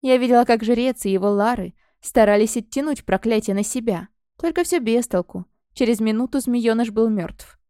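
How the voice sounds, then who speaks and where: A woman narrating a fantasy audiobook in the first person with expressive storytelling. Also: a little high, moderate pace, clean tone, no echo, studio quality.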